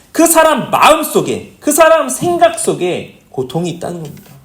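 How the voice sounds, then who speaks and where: A man preaches a Sunday sermon in a church, his voice a touch higher than most men's and swinging up and down all the time. He keeps putting questions to the congregation, and the sound rings out through the roomy hall. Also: a little mellow. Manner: questions the congregation often, pitch rising and falling. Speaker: pastor. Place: church sanctuary.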